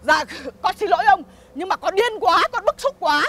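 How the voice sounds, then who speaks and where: Shrill ranting village mother. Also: animated, normal speed, a bit bright, a little hiss or hum. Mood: indignant. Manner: shrill, ranting, rhythmic cursing. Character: loud, hot-tempered village mother ranting at thieves. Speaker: village woman cursing a thief. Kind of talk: comedy sketch acting.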